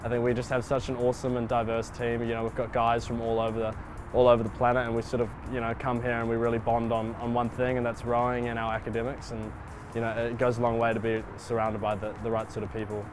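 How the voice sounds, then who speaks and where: A man's voice: mid-range voice, monotone, fast. A young man from the Netherlands, a college rower talking loosely in an interview. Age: young adult. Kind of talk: interview sound bite. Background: music.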